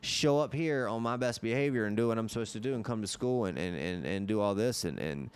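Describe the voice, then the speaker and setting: A low, smooth-voiced man spins a long story as a podcast guest. He stumbles, restarts and repeats himself in easy conversation, close on a boom mic in a podcast studio. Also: expressive, a little fast. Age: 30s. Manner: rambling, many restarts and repeated words. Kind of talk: casual storytelling.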